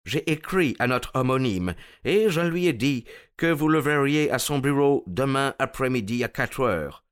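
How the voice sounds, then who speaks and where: A man voicing a pushy male American lawyer who talks in an insistent, hurried, persuasive way. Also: mid-range voice, expressive, clear, resonant tone, voice pushed up, natural voice.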